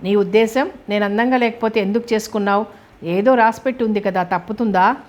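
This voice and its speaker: Woman reading as gentle caring wife Madhavi. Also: mid-range voice, a little fast, dull audio, close to an everyday voice. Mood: teasing. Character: Madhavi, warm caring young married woman.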